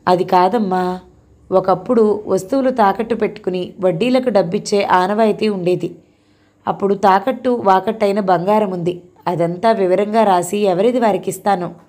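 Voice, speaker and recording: A woman voicing an ailing elderly father who speaks slowly and tenderly to his daughter. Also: medium pitch, a little mellow, natural voice.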